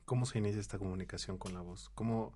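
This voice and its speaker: Low-voiced Mexican male host. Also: steady tone, fast, warm tone, a little hiss or hum. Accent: Mexican Spanish. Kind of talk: casual interview chat.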